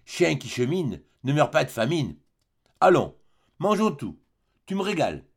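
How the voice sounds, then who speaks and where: A man's voice: on the high side, sing-song, measured pace, gravelly, slightly rough, heavily acted. A man reading an audiobook, voicing a wild, mocking young woman in a raised voice. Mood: laughing. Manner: mocking, playful.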